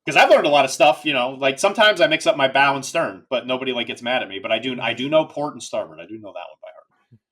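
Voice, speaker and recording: Man, podcast host, fast talker, bright tone, rambling casual chat. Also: mid-range voice. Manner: animated, rambling, lots of filler asides.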